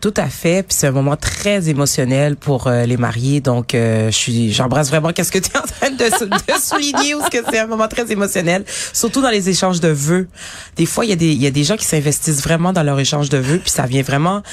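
Emotional, lower-voiced woman guest. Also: fairly quick, dry recording. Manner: emotional, laughing, animated. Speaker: wedding planner guest. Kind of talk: radio interview.

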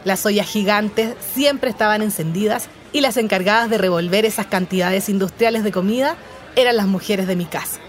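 A young Chilean woman with a Chilean accent, calmly narrating her own life story in a scripted, reflective way. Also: mid-range voice, moderate pace. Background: music under the voice.

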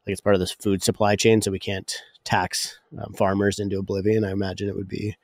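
A man's voice: fairly low pitch, flat delivery, fairly quick, dry recording, studio quality. A Canadian man co-hosting a podcast, explaining in a rambling, casual way and often interrupting himself. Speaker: podcast co-host, real estate broker.

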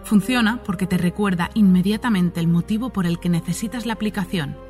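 Woman narrating over soft music. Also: medium pitch, fairly quick. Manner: steady, listing rhythm. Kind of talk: scripted narration.

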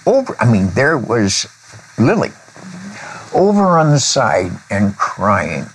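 An older man who used to preach tells a children's story during a conversation, speaking deliberately with pauses and throat-clearing. His medium-pitched voice swings widely, and the rough recording has slight background noise.

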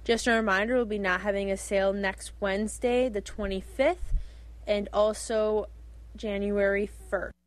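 A woman's voice: medium pitch, fairly even intonation, normal speed, no echo. A woman reading a farm radio livestock market report in a matter-of-fact manner.

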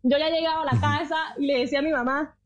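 A woman with a Colombian coastal accent tells a funny story as a guest. Her voice is high and lively, and she laughs easily. She talks in a loose, colloquial way. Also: fast, lo-fi sound. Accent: Colombian Caribbean coast. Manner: animated, laughing often, colloquial. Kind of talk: comic storytelling in a chat.

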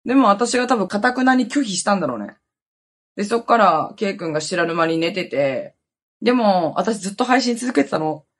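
A woman in her thirties hosting a podcast, telling a personal story in a casual, animated way, jumping between loud exclamations and muttered asides. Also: mid-range voice, brisk. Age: 30s. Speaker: podcast host.

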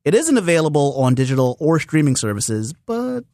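A man hosting a podcast, talking about a movie in an animated, opinionated way and laughing easily. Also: fairly high pitch, a little fast, dry recording, studio quality. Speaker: podcast host. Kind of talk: casual film discussion.

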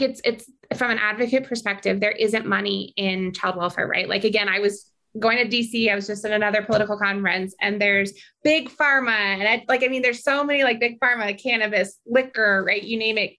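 A woman's voice: medium pitch, bright, forceful tone, poor audio. A woman speaking as a guest advocate for child welfare, urgent and persuasive. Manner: urgent, persuasive, fast-talking. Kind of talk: interview guest.

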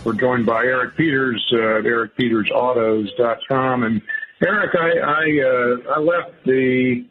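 Male talk radio host, rough husky tone, hesitant conversational phrasing, muffled broadcast audio. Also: mid-range voice, fairly even intonation, soft background music. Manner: halting, repetitive phrasing. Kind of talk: casual interview chat.

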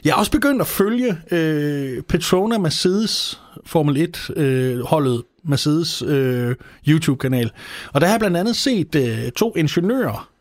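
A man's voice: fairly high pitch, expressive, dry recording, clean studio sound. A man from Denmark hosting a podcast, chatting with playful, ranting exaggeration. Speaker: podcast host. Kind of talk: comedic casual chat.

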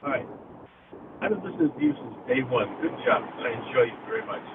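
A man's voice: mid-range voice, wildly swooping pitch, quick pace, vocal fry. Caller, male, chatty, on a tinny, hollow car phone that sounds like a cave, road noise behind. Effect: hollow cave-like echo on a car phone. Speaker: radio call-in caller. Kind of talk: casual call-in chat. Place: inside a car being driven. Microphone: hands-free car phone.

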